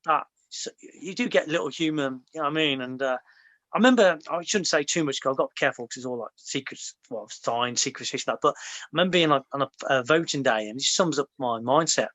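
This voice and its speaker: A man's voice: mid-range voice, expressive, quick pace, a bit bright, dry recording, low-quality recording. An English man in his young adult years, a former soldier, telling stories in casual podcast chat, rambling with lots of fillers and restarts.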